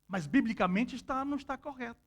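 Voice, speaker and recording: A male pastor preaching a sermon, telling a personal story with sudden loud outbursts. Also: extremely high pitch, fast, creaky.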